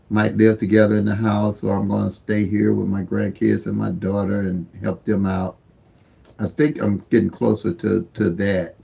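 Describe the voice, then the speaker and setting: Older guy in his 70s chatting on a livestream, gravelly and kinda husky, lowish voice, rambles and restarts a lot. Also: dark tone. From St. Louis, USA. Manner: rambling, repeats and restarts words; plain-spoken, folksy. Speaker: lottery livestream host. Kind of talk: casual livestream chat.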